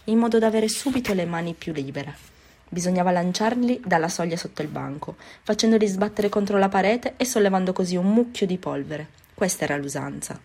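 A woman narrating a novel as an audiobook, in a measured and expressive reading. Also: on the low side.

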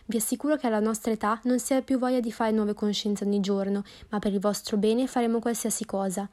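A woman narrator voicing a fussy, excitable middle-aged mother who complains shrilly in an audiobook. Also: mid-range voice, quick pace, lightly acted. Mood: gushing. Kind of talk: audiobook character voice.

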